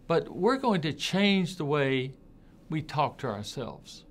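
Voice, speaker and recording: A man hosting a motivational talk, speaking earnestly and deliberately, sometimes acting out harsh, scolding voices. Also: fairly high pitch, sing-song. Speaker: host.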